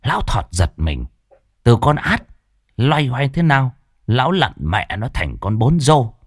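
A man narrating a story in a lively, colloquial storytelling manner. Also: mid-range voice, unhurried, no echo.

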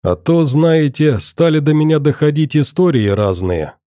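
Pointedly courteous interrogator, a man reading him, raised voice, mellow dark tone, dry sound. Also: fairly high pitch, lively intonation, dry recording, pitched above the performer's own voice, close to an everyday voice. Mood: pointedly polite. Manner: pointedly courteous, probing, deliberate. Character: middle-aged man, coldly polite interrogator.

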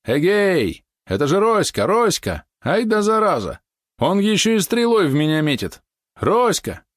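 A man voicing a boisterous young male warrior who shouts cheerfully across the water to an old friend. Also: high-pitched, sing-song, unhurried, no room sound, clean studio sound, pitched above the performer's own voice. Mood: joyful shouting.

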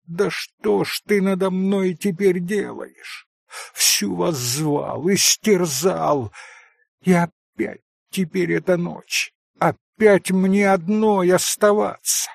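A volatile young woman cries out in a raised, swooping voice, as a male reader puts her on. Her passion spills into wailing outbursts, and a gravelly, husky grain runs under her words. The audiobook recording is close and dry. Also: sits high, takes it slowly, no room sound, pitched above the performer's own voice, full character voice. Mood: anguished. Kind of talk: audiobook character voice.

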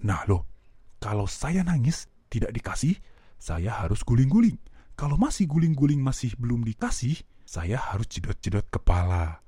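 A man voicing a young child slowly reasoning out how crying gets him what he wants. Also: medium pitch, very animated, mellow, slightly rough, dry recording. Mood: musing. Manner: slow, musing, spelled out.

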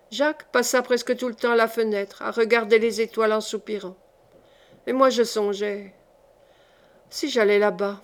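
A woman reading a classic novel aloud as an audiobook narrator, in a measured storytelling manner. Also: medium pitch. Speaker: audiobook reader.

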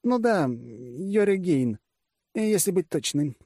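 A man's voice: high voice, big pitch swings, slow, dark tone, slightly rough, no echo, clean studio sound, pitched above the performer's own voice, heavily acted. A man reading an audiobook, voicing a blunt, sarcastic older female generalissimo. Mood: lecturing.

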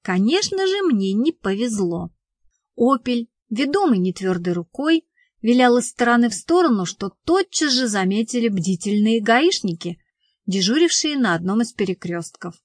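A woman narrating a comic novel in a lively, expressive way, on a studio microphone. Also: a little high, normal speed, dry recording. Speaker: audiobook narrator.

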